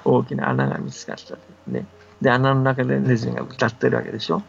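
With big pitch swings and a fast, gravelly delivery, a mid-range male voice belongs to an older folktale scholar talking casually on the radio. He explains patiently and often checks that the listener agrees. Dull, band-limited audio with faint background noise.

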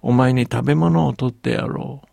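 A man reading a storybook aloud and voicing a huge ancient male giant of the north, who speaks loudly with drawn-out blowing breaths. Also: medium pitch, creaky, dry recording. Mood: kindly, grave.

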